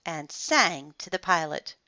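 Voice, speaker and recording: A woman reading a bedtime story aloud slowly and expressively. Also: low voice, lively intonation, bright, forceful tone, no room sound. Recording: slightly muffled dry recording.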